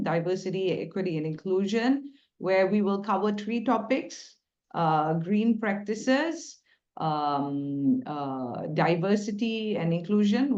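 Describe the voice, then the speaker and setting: A woman hosting a webinar over a video call, speaking in a semi-formal, deliberate way with emphatic repeated words. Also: lowish voice, darkish tone. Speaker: webinar host. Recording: dull, lo-fi video call audio.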